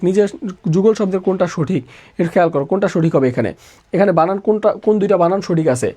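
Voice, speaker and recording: A man teaching a live online exam-prep class who repeats each question and answer again and again, pushing students to answer quickly. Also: high voice, dark tone. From Bangladesh. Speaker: admission exam tutor.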